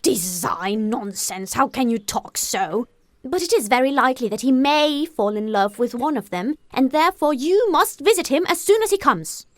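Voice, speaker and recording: An excitable, gossipy middle-aged British wife in a classic-novel audiobook. Her voice sits very high and swoops freely as she gushes, nags and frets. The sound is dry and close. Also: moderate pace, no room sound. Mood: exasperated. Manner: exclamatory, gushing, fretful. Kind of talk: audiobook character acting.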